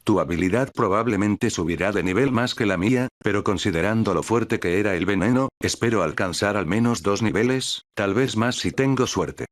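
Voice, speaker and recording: A man's voice: on the low side, normal speed, hardly any pauses, no echo. A man reading a light novel aloud as an audiobook narrator, voicing the dialogue with little change from his narrating voice.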